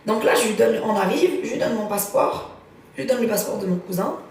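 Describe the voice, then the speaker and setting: A young woman hosting a live stream, telling a story in lively, slangy casual talk. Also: mid-range voice, quick pace, slight background noise. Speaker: livestream host. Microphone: phone. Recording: roomy, far from the phone mic.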